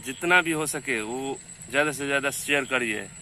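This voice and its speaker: A man's voice: medium pitch, moderate pace, bright, forceful tone, a little hiss or hum. A man hosting a channel, talking casually and earnestly to viewers at the end of the video. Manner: earnest, asking viewers to share. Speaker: channel host. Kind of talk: casual wrap-up talk.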